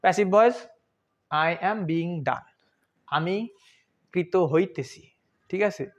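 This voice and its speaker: A man's voice: high voice, takes it slowly. A young man teaching an online grammar lesson in a chatty, informal way, asking questions and answering them himself.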